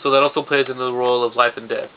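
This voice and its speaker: Rapid-fire yet smooth, a young vlogger's mid-range voice shows little pitch movement despite his stuffed-up nose. He speaks loosely in a casual monologue and frequently restarts sentences, on dull, lo-fi home video with a faint hiss.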